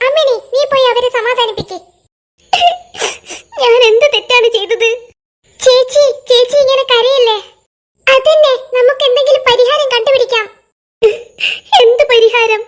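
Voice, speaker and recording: A voice actor playing a crowd of young cartoon schoolkids who chatter and squabble back and forth in a lively animated comedy. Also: very high voice. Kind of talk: cartoon voice acting.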